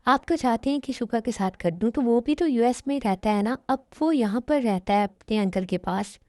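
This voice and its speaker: A woman's voice: a little high, moderate pace, dark tone, no room sound, studio quality, natural voice. A woman voicing a worried, stubborn mother in an amateur Hindi dubbed drama, with an insistent, nagging way of speaking.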